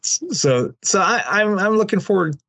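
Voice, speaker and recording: A man co-hosting a podcast in casual chat, relaxed and agreeable, with lots of fillers and restarts. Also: sits high, unhurried. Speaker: podcast co-host.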